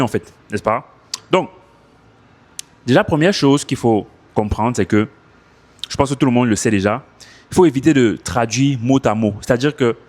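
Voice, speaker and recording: A man coaching French speakers on learning English, talking casually into his phone outdoors and repeating his points for emphasis. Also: mid-range voice. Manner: animated, repeats himself for emphasis. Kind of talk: casual advice vlog.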